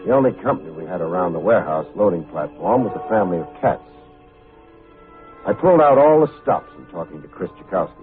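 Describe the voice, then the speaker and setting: A male actor plays a cool, wry, hard-boiled private eye, both acting and narrating in old-time radio drama style. His low voice has lively intonation and sounds firm and pressing, unhurried and wisecracking. The recording is muffled and narrow-band like old radio, with faint music.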